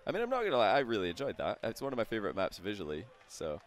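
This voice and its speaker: A man's voice: on the low side, wildly swooping pitch, racing. A man commentating a live esports match in a joking, playful way, laughing often.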